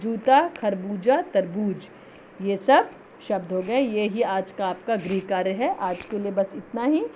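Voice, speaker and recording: A woman teaching a Hindi lesson, patiently repeating words slowly to show how each vowel is said. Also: mid-range voice, lively intonation, darkish tone, slight background noise. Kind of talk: online school lesson.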